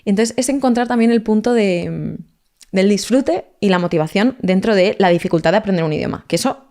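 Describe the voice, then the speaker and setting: A woman, a language teacher explaining her methods in an interview, lively and mixing in English words. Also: medium pitch, brisk. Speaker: language teacher, guest expert.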